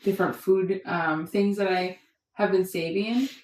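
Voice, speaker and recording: A woman's voice: medium pitch, fairly even intonation, unhurried, darkish tone. A young adult woman co-hosting a podcast, talking in a chatty, giggly way and saying "like" a lot. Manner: giggly, chatty, says "like" often. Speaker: podcast co-host. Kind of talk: casual chat. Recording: roomy, a bit off-mic.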